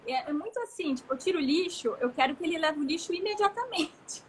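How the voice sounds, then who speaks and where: A woman in her thirties with a Brazilian Portuguese accent, a guest in a casual live conversation, telling stories in an expansive, animated way. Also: high voice, a little fast, slight background noise. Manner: expansive, gesturing, animated storytelling.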